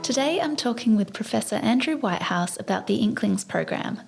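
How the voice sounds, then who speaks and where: A woman hosting a podcast, reading a measured introduction and asking questions. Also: a little high, animated, vocal fry, loud music behind the voice. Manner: warm, measured, scripted introductions. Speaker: guest host. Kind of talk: podcast interview.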